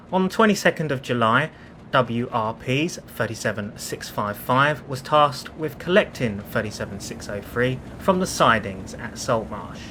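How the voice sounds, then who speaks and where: A man reading scripted documentary narration in a measured way, spelling out numbers and initials precisely. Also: mid-range voice, bright, forceful tone, a little hiss or hum. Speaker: video narrator.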